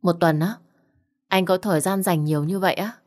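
A woman's voice: lowish voice, fairly quick, a little mellow, natural voice. A woman doing an eager young newlywed wife. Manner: curious, questioning.

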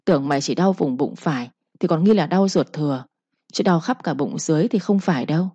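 A woman's voice: low voice, brisk, warm tone, slightly rough, dry recording. A woman voicing a stern young male master who gives blunt, scolding orders. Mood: brusque. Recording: slightly muffled recording.

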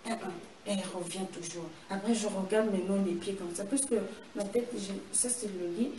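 A woman's voice: mid-range voice, fairly even intonation, a little fast, warm tone. Woman telling a vivid testimony, echoey. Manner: vivid storytelling, acts out what happened. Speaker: guest giving a testimony. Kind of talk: personal testimony in conversation. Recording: echoey and distant with noise.

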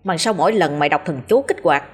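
Brief: woman playing mouthy cowardly young guy, quick and whiny, husky edge. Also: sits low, expressive. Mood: complaining. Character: brash chatty cowardly young man sidekick.

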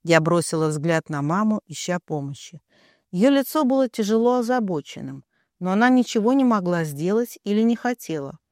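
Male audiobook narrator, emotional first-person reading, high, dry voice. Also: lively intonation, normal speed, darkish tone, dry recording. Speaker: audiobook reader.

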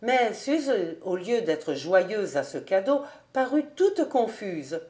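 A woman reading a classic novel aloud as an audiobook narrator. Her pace is slow and measured, her pitch in the middle range. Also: sing-song, darkish tone. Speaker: audiobook reader.

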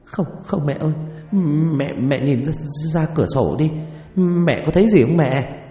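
A man's voice: mid-range voice, very animated, fairly quick, dark tone, lightly acted. Give me a man doing a terrified young village woman, stammering and pleading, in a roomy, reverberant recording. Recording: echoey reverb with faint music.

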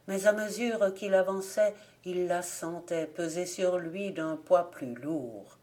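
A woman narrates folk tales for an audiobook. She reads in a steady, clear storytelling manner, with a fairly low voice. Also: slow pace. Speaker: volunteer audiobook reader.

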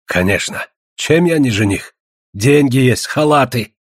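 A man voicing an eager old native suitor who speaks in low, halting, broken phrases. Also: animated, no room sound, studio quality. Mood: pleading. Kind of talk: audiobook character voice.

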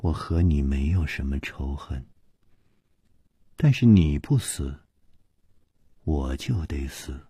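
A man voicing a sorrowful ailing woman in a storytelling performance, speaking quietly and subdued. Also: very deep voice, lively intonation, slow, long pauses, breathy edge, dry recording, clean studio sound, pitched below the performer's own voice, exaggerated voice. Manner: quiet, subdued, sometimes whispered.

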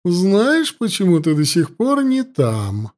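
A man playing a cruel high priestess. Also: wildly swooping pitch, slow, exaggerated voice. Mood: menacing. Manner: commanding, sneering, harsh. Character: cruel imperious older high priestess, woman. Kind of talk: audiobook character voice.

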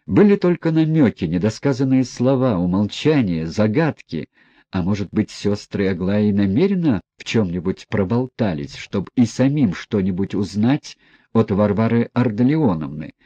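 A man narrating a classic novel as an audiobook in a measured, even reading. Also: fairly low pitch, no echo, dull audio.

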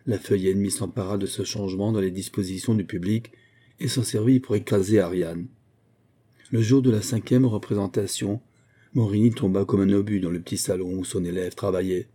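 Brief: male audiobook narrator, low mellow voice, even measured delivery. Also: husky.

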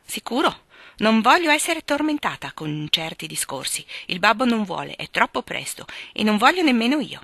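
A woman's voice: on the high side, very animated, moderate pace, creaky, a bit bright, dry recording, pitched above the performer's own voice, exaggerated voice. A woman voicing an agitated, capricious young woman in a storybook reading. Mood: defiant. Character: flustered, defiant young woman.

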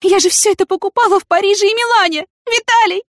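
A woman performs a vain, impulsive, dramatic young woman for an audiobook, frantic and wailing with theatrical, indignant exclamations. Her voice is pushed up to an extremely high pitch at a quick pace, in studio quality with no echo.

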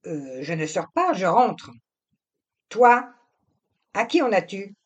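A woman reading an audiobook, voicing a gentle young husband who speaks quietly and measuredly. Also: medium pitch, sing-song, slow, slightly rough, full character voice. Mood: guarded. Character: young husband, gentle, wary, fond of his cat.

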